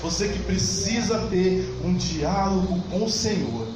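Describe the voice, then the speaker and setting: A man with a high voice preaches a church sermon in a Brazilian Portuguese accent. He talks fast and emphatically, at times rising to a shout. His voice rings around a very echoey church hall with faint noise underneath. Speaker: pastor.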